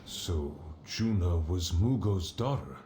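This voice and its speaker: Gruff, deep-voiced old sea dog. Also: male voice, lively intonation, takes it slowly, warm tone, echoey room, slight background noise. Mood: wistful. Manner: salty, world-weary seafarer's talk. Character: gruff old male sea captain, hard-drinking, wistful. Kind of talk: video game character dialogue.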